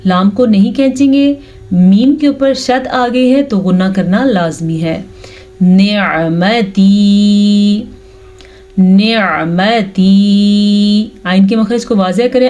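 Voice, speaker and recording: A woman teaching Quran recitation rules, explaining each sound and then reciting words slowly and drawn out. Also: medium pitch, dark tone. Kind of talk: recitation lesson with slow drawn-out recitation.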